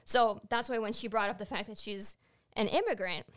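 A woman co-hosting a podcast, talking in a loose, animated way that doubles back and restarts often. Her voice is smooth and clear. The sound is dry and close, at a middle pitch. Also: moderate pace, no echo. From Latin America. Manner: animated, rambling, frequent restarts. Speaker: podcast co-host. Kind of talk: casual political chat.

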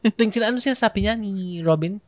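A man's voice: high-pitched, racing, crowd noise. A man with a Filipino accent, co-hosting a casual podcast, talking loosely with many fillers and restarts. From Philippines. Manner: chatty, mixes English into Tagalog, many fillers and restarts. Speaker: podcast co-host.

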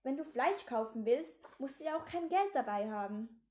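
A woman's voice: high-pitched, animated, normal speed, warm tone, reverberant. Lady reading a rude gang kid in a storybook, pushy and demanding. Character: rude young male gang member demanding money.

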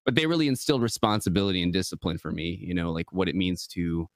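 A young man with a very low, deep voice talks earnestly and casually, peppering his thoughts with "you know." He's from West Michigan. The sound is close and dry, with no room around it. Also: fast, no echo. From West Michigan, USA. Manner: relaxed, earnest, many fillers like "you know". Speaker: guest, gaming preacher. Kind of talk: casual interview conversation.

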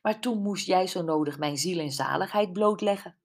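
A woman's voice: fairly low pitch, moderate pace. A woman reading as wry candid Brenda. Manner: wry, emotional, tearful at times. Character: Brenda, woman friend, candid, self-mocking. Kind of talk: audiobook character voice.

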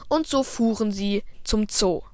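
A woman's voice: mid-range voice, a little slow, darkish tone, no room sound. A woman hosting a podcast and narrating a story, in a casual, stumbling manner.

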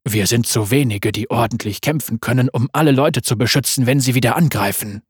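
A man's voice: mid-range voice, fairly quick, husky, no room sound, studio quality. A man reading a story aloud, voicing a stern middle-aged male commander who is also a father. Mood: grim.

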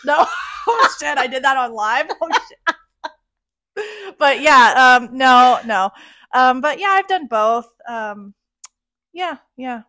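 A young woman co-hosting a podcast and chatting casually. She speaks candidly and breaks into giggles often. Her voice sits fairly high. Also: lively intonation, slow pace, pauses often, sharp tone. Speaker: podcast co-host. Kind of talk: casual chat. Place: live-streamed podcast recording.

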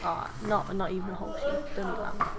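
A young woman chatting casually with friends, answering softly. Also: mid-range voice, animated, brisk, noisy background. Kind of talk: casual chat.

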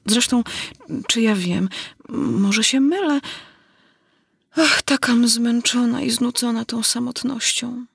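A woman's voice: a little high, slow, vocal fry, pauses often, husky, no room sound, studio quality, pitched above the performer's own voice, exaggerated voice. A woman reading aloud, voicing a curious, fretful little girl who wonders aloud with dramatic sighs. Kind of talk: storybook reading.

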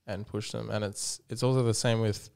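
A young man, a photographer and content creator, talking in a casual chat in a flat, thoughtful, halting way. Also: on the low side, creaky, clear, resonant tone.

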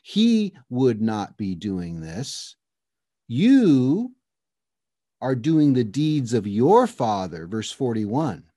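A male preacher delivering a sermon who speaks straight to his listeners and slows right down to stress verses. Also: medium pitch, big pitch swings, dark tone, dry recording, studio quality. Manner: emphatic, addresses the listeners directly; slows down to stress scripture phrases.

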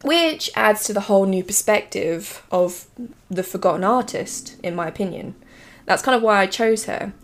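A woman's voice: mid-range voice, expressive, moderate pace. Giggly rambling woman podcaster. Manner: rambling, giggly, lots of fillers. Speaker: podcast co-host. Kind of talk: casual chat.

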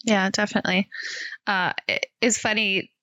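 A woman co-hosting a podcast in casual chat, chatty and quick with asides, laughing often. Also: mid-range voice, steady tone, bright, forceful tone, no echo, studio quality. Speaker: podcast co-host.

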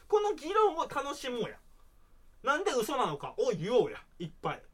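A young man with a Kansai accent, co-hosting a comedy duo's podcast with teasing banter and loud mock outbursts. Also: extremely high pitch, wildly swooping pitch, brisk. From Hyogo, Japan. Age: young adult. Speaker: comedy duo podcast co-host.

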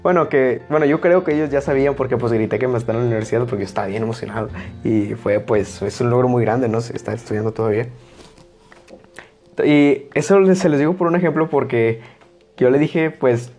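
Blunt, loud-talking young Mexican man. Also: medium pitch, brisk, soft background music. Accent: Mexican Spanish. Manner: loud, blunt delivery that rises into shouting when excited. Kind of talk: casual storytelling monologue.

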